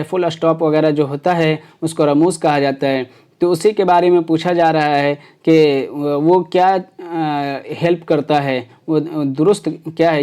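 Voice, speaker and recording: A man's voice: a little high, warm tone, smooth. A man teaching exam preparation, explaining step by step with frequent hesitations. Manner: explains step by step with many fillers. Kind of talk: exam prep lecture.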